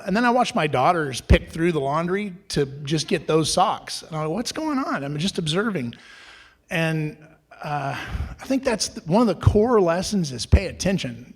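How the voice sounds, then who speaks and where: A middle-aged man, an entrepreneur guest, telling his business story at a live event in a lively, conversational way, often restarting and acting out quoted dialogue. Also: a little high.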